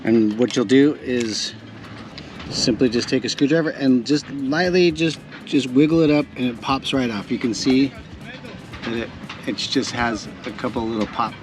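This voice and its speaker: A man's voice: mid-range voice, normal speed, a little hiss or hum. A North American man, a sailing vlogger, explaining things casually to the camera aboard a boat. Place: on a sailboat.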